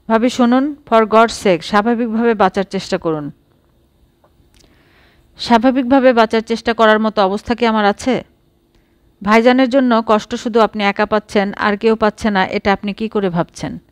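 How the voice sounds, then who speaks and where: A woman's voice: fairly high pitch, no echo, lightly acted. A woman voicing a grave, earnest young uncle in a storybook reading. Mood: pleading.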